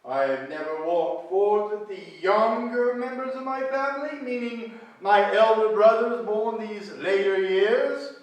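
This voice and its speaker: A man's voice: high-pitched, a little slow, hardly any pauses. A man on stage playing a grand, hearty, declamatory Christmas ghost, recorded from far off in an echoey hall. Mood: hearty, booming. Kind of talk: live reader's theatre stage acting. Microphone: far camera.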